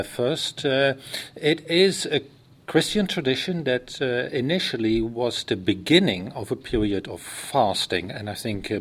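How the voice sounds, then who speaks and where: A male podcast host with a Dutch accent leads the conversation. His voice is somewhat husky, and he explains things at an unhurried pace with frequent pauses. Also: mid-range voice. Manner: explanatory, hesitant with fillers. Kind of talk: casual podcast chat.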